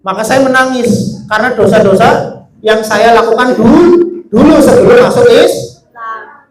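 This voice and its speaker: A remorseful convert laughing at how foolish he once was, as a male teacher voices him. The voice sits very high, with a lilt, and echoes around the room. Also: moderate pace, slight background noise. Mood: rueful. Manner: self-mocking, storytelling. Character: remorseful early convert mocking his own past folly.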